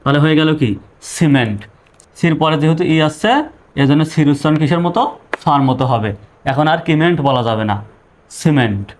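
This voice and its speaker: Patient male teacher, slightly high voice. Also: fast, slight background noise. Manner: patient, repetitive, asks and answers own questions. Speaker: English pronunciation teacher. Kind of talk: online video lesson.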